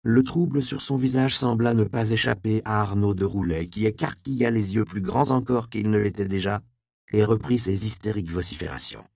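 A low-pitched male narrator reading a historical novel in a measured, steady way. His voice carries a gravelly texture. The recording is close and dry, with no room sound. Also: no echo. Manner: measured storytelling. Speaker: audiobook narrator. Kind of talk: scripted narration.

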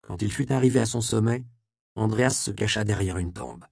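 An audiobook narrator with a low, gravelly male voice reads scripted narration in a steady, measured way. The recording is studio quality with no room sound.

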